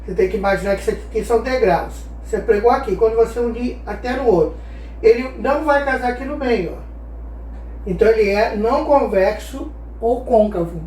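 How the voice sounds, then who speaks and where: A woman's voice: fairly high pitch, a little fast, warm tone, a little hiss or hum. A woman teaching a math lesson, patiently asking her class questions and answering them herself. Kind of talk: explaining a geometry lesson. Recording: echoey room, voice far from mic.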